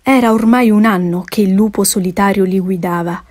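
A woman's voice: mid-range voice, a little fast, a little mellow. Woman reading a storybook aloud. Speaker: audiobook narrator. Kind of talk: storybook audiobook narration.

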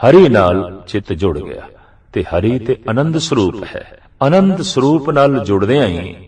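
A man delivers a sermon slowly and deliberately, his voice sitting a little low. He stretches out each verse he recites. He is picked up from some distance off the mic. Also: a little mellow. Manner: slow, measured, recites verses drawn out. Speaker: preacher. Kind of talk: religious discourse.

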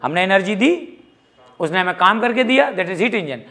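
Guy teaching physics, fairly high voice, jokey, throws in english words. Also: normal speed. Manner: lively, jokey, mixes English terms into Hindi. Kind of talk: classroom lecture.

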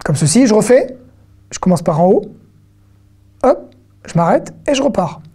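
A woman giving an online Hebrew reading lesson, patient and encouraging, spelling out syllables slowly for beginners. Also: medium pitch, very animated, mellow, slightly rough. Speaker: Hebrew teacher.

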